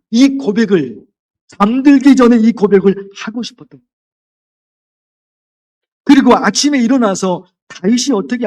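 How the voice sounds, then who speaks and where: A man preaching a sermon as pastor, earnest, dropping to a gentle voice when quoting. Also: very high-pitched, far from the mic. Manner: earnest, softens to a gentle voice for quoted words. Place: church sanctuary.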